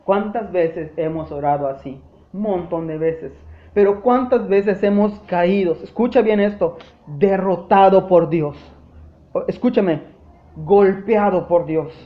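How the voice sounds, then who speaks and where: Mexican pastor, man, high-pitched, fervent sermon delivery, roomy church sound on a dull lo-fi recording. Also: slow. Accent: Mexican Spanish. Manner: impassioned preaching, often calls out "brothers". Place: church sanctuary.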